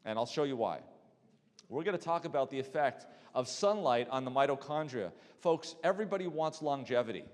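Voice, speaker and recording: A man's voice: mid-range voice, animated, fairly quick. A physician giving a conversational health lecture to a church audience, asking the room questions and often restarting his sentences. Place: church hall before an audience. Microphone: handheld mic, battery swapped. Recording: long hall reverb.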